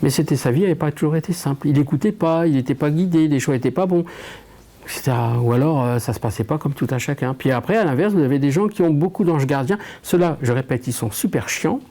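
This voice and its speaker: A man's voice: on the high side, quick pace, dark tone. A French man working as a medium, chatting and joking with an audience. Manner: chatty, joking, drops to a whisper. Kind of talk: public medium session.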